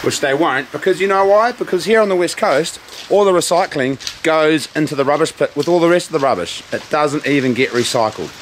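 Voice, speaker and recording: A man's voice: on the high side, a little fast, low-quality recording. A man in his thirties with a New Zealand accent, vlogging to camera outdoors in a blunt, joking way. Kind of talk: casual outdoor vlog. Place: outdoors in the rain, by a house. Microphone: handheld camera close to face. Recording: outdoor recording with loud rain noise. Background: rain.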